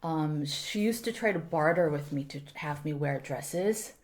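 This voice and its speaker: With a deep, unhurried voice, a woman in her thirties from South Korea, a native Korean speaker, chats casually as a podcast guest. She's reflective but animated and mixes in Korean words.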